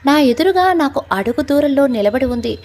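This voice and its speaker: A woman narrating a scripted family audio story in a lively first-person telling. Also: high voice, normal speed.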